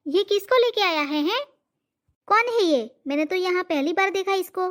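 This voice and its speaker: A woman voicing a sharp-tongued old mother in a cartoon comedy, scolding and throwing insults. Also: extremely high pitch, moderate pace. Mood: angry interrogating.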